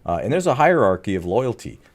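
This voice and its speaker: A man's voice: lowish voice, fairly quick. A man co-hosting a business podcast, talking casually and slipping into playful put-on as he explains his points. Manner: animated, slips into playful put-on accents. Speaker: podcast co-host, agency owner.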